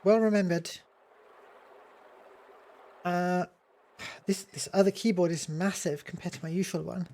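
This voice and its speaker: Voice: mid-range voice, fairly even intonation, unhurried, long pauses, darkish tone. A game streamer giving casual live commentary, thinking aloud while playing.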